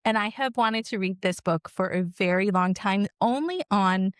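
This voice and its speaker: A woman's voice: medium pitch, normal speed, no echo, clean studio sound. A woman hosting a book club chat, giving an effusive, chatty, gushing book review. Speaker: book club podcast host.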